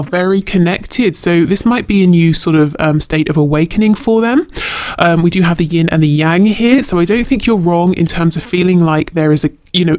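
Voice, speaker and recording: A man with a high voice, recorded with no echo, gives an unscripted spiritual tarot reading to the viewer. He sounds reflective and often hesitates while searching for the right phrasing.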